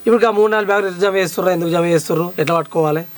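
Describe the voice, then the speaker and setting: A man's voice: high voice, rapid-fire, slight background noise, lightly acted. A young man with a Telangana accent acting as a village son about to leave home, teasing his family in a comedy skit. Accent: Telangana Telugu. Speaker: son leaving for abroad. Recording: music playing behind the voice.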